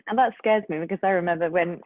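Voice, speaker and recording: An interviewer speaks in a casual, chatty style, leading a guest through questions. The sound is thin and phone-like, dry and without room echo. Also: medium pitch.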